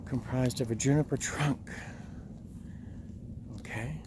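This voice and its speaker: On a handheld camera with outdoor ambient noise, a vlogger from Rhode Island, United States, strolls through a tourist site and its small huts, chatting casually and musing wryly. His voice is medium-pitched and steady, and he takes his time.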